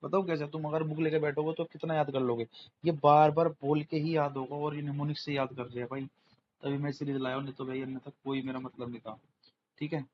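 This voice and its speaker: A man's voice: a little high, little pitch movement, a little fast, muffled recording, a little hiss or hum. A man hosting a casual exam-prep vocabulary lesson, repeating words and quizzing viewers with rhetorical questions to build memory tricks. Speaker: exam tutor, channel host. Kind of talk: informal vocabulary lesson with mnemonics.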